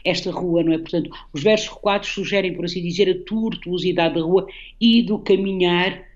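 A woman's voice: fairly low pitch, steady tone, brisk, highs cut off. Reflective Portuguese woman analysing poetry. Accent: European Portuguese. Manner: reflective, analytical, with frequent tag questions. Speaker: guest poet. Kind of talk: radio conversation about poetry.

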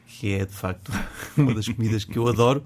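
Heard through a studio mic, a Porto native with a northern Portuguese accent chats as a guest in a relaxed radio interview. He speaks briskly in a lowish, darkish voice, hesitating, repeating himself, and laughing readily.

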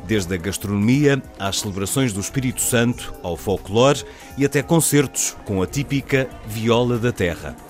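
A man's voice: mid-range voice, normal speed, soft background music. A man narrating a scripted news report as a reporter.

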